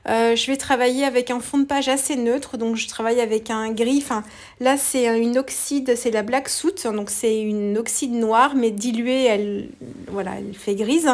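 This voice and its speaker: A woman narrating a craft tutorial in a relaxed, hesitant way, with many fillers. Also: a little high, moderate pace.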